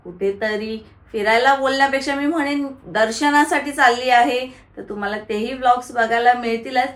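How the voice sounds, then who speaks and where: A woman's voice: a little high, moderate pace, roomy sound. A woman vlogger, chatting casually to her viewers and talking baby talk with a toddler. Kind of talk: casual vlog chat.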